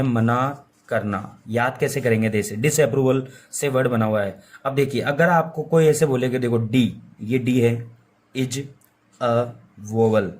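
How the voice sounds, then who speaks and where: In an informal Hindi-medium class, a young man teaches English vocabulary in an ordinary mid-pitched voice. His chatty style repeats every meaning again and again, and he poses questions and supplies the answers himself, adding playful memory tricks.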